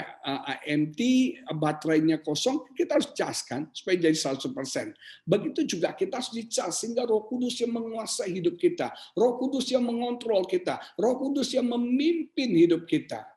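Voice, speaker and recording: A middle-aged man preaches a sermon with lively, conversational energy. His voice sits fairly high for a man, and he slips into acted inner dialogue and asides to the congregation. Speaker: pastor.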